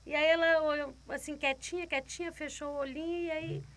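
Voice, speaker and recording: A woman's voice: high-pitched, fairly even intonation, a little fast, a bit bright. A woman guest telling a personal faith testimony, retelling it vividly, repeating words and acting out other people's lines.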